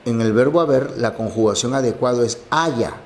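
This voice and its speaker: A man's voice: medium pitch, normal speed. A man teaching a language lesson, explaining exam answers step by step.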